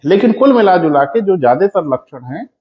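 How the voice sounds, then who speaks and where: A male teacher giving a classroom lecture, calling his students "beta" and slowing down so they can take notes. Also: high-pitched, sing-song. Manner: addresses students as "beta", dictating slowly. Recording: echoey dull classroom audio.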